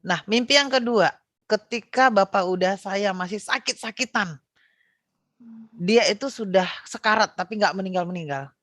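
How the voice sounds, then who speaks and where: A woman's voice: medium pitch, a bit bright, no room sound. A middle-aged woman from Indonesia casually recounting a personal experience, with frequent fillers and self-corrections. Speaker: guest sharing personal testimony. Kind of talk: casual spoken testimony.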